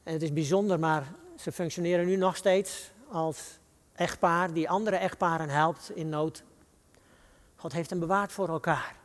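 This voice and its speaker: Dutch preacher in an echoing hall. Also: male voice, a little high, fairly even intonation. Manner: reads scripture quotes with slow dramatic rises. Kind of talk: sermon.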